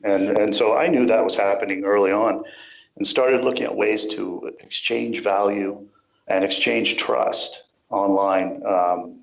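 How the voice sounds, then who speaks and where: Low-voiced man on an echoey call. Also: fairly even intonation, measured pace, vocal fry. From California. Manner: hesitant with many ums and restarts. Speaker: guest. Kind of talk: remote interview over a call. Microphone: call microphone. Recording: echoey, dull call audio.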